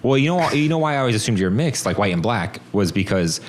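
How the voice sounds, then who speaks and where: Deep-voiced young podcast host. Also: male voice, fast talker. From army brat, born in Germany. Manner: relaxed, chiming in with short agreements. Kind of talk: casual podcast conversation. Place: small studio room with a table. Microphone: boom mic on arm at the table.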